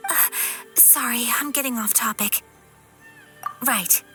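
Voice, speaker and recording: A polite, refined young noblewoman in a game, with a high voice and formal, careful wording. Clear game music runs behind her. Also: slow pace. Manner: formal, soft-spoken, courteous.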